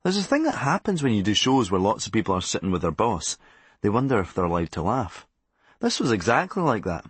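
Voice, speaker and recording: A Scottish comedian narrates his comic memoir as an audiobook, sardonic, darkly comic and blunt. His lowish, husky voice is very animated and fairly quick, recorded with no room sound.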